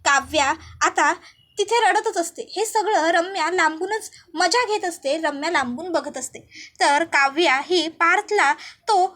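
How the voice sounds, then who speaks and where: A woman narrating a retelling of a TV serial episode in a plain, steady storytelling manner. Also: very high voice, a little slow.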